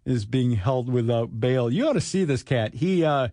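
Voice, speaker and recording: A man's voice: medium pitch, animated, normal speed, mellow, no echo. A man hosting a radio show, reading strange crime stories aloud and cracking jokes between them, often laughing. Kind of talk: joking banter reading news stories.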